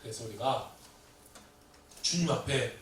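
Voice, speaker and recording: A man preaching a sermon as pastor to his congregation, swinging between loud pleas and quiet asides. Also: mid-range voice, a little slow. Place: church sanctuary. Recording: echoey church hall from a distant mic, faint room noise.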